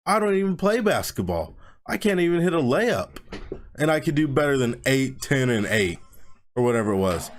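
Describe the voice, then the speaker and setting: A father venting in a casual sports rant, blunt and mocking as he rambles from one gripe to the next. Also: medium pitch. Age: adult father. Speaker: sports vlogger.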